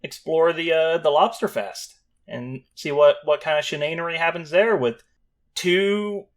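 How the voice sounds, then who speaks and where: A man's voice: fairly high pitch, unhurried. A man speaking as the game master of a tabletop role-playing game. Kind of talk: scripted scene narration, then casual chat.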